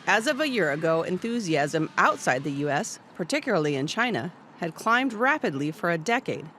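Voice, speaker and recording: A reporter reading scripted news narration in a steady, measured way. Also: mid-range voice, a little hiss or hum.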